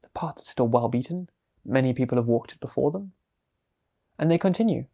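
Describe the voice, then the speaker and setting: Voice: mid-range voice, lively intonation, brisk, creaky, warm tone. A storyteller narrating a fantasy tale in a chatty way, with frequent asides to the listener.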